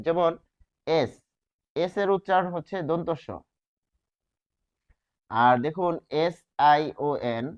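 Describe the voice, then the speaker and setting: A man teaching a grammar lesson, posing rhetorical questions and answering them, stretching key words slowly. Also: on the high side. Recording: dull lo-fi sound.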